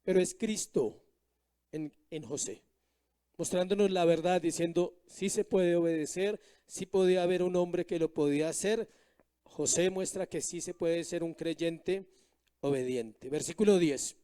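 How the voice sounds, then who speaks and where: A man's voice: high voice, a little slow, warm tone, smooth. A male pastor preaching a sermon to his congregation, reading scripture verses aloud and putting rhetorical questions to the listeners.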